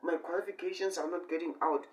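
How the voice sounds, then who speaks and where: Picked up from a distance by a mic placed away from him, this amateur online speaker in his 20s has a fairly high male voice and a steady tone. His improvised talk wanders, broken into short halting phrases with repetition and forceful stresses on particular words.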